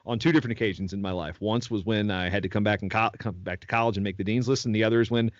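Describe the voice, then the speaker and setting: A man's voice: on the low side, steady tone, very fast, no room sound. A middle-aged man from Virginia, chatting in an interview and telling long rambling stories with many restarts. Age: 40s. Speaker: podcast guest. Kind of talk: casual conversational interview. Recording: dull lo-fi audio, dry sound.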